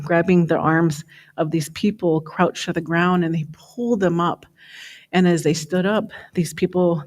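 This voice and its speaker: Middle-aged woman telling a personal story at a summit, chatty and relaxed, lots of "you know". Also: lowish voice. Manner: conversational, repeats "he says" and "you know" while retelling a dream. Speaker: speaker at a media summit.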